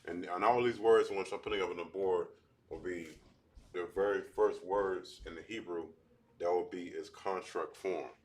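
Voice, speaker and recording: A man teaching a language class at a board, talking in halting bursts with many restarts. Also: deep voice, fairly even intonation.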